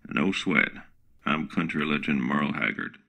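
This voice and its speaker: A middle-aged man performs a comic radio play as a folksy smart speaker with a country singer's persona, forever bragging about his own titles. His very deep voice is animated, creaky, pushed and bright, moving at a moderate pace in a full character voice.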